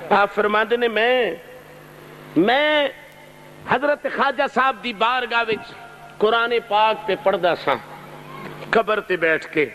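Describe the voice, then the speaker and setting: A male preacher with a very high, bright and forceful voice. He delivers an emotional sermon with impassioned swells and drawn-out cries. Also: faint music behind, low-quality recording. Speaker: religious preacher.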